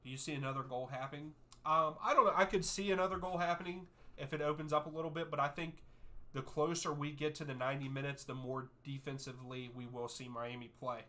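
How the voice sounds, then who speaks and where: A man's voice: on the high side, fairly even intonation, fast talker, pushed and bright. A man in his thirties hosting a live soccer watchalong stream, reading viewer names and answering their questions in an easygoing way. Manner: easygoing, reads out chat names and answers at length.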